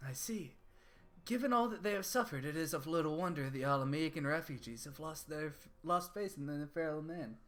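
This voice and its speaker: A man voicing a measured, grave quest-giving advisor with stately, formal phrasing in a tabletop game. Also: fairly high pitch, fairly bright tone, close to an everyday voice.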